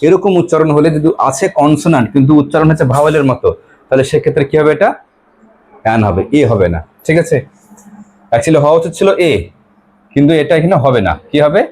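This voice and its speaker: A male teacher, taking a grammar class. He asks his pupils questions over and over and repeats their answers back. He reads the English example sentences slowly and carefully. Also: fairly high pitch, expressive, a little mellow. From West Bengal, India.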